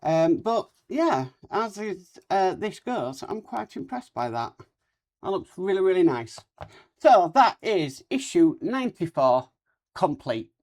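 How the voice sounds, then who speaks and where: A model-building host with a mid-pitched voice gives a casual, hands-on walkthrough of a build. The speaker is talking with a cold sore on the lip. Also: big pitch swings, takes it slowly, darkish tone.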